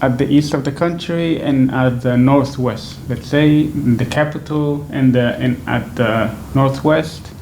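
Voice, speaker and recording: His voice is mid-range, slightly mellow and fairly even, unhurried with hardly any pauses, though this Venezuelan man in his twenties still answers interview questions hesitantly, with frequent fillers and restarts. He sits on a sofa in a small indoor room at a stand microphone, with slight background noise.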